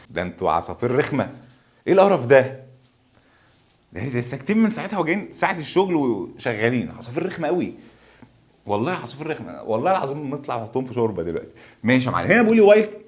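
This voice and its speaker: Fast-talking Egyptian teacher. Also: male voice, mid-range voice. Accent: Egyptian Arabic. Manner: energetic, coaxing students to focus; mixes English words into Arabic explanations. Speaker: English teacher. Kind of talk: exam review lesson.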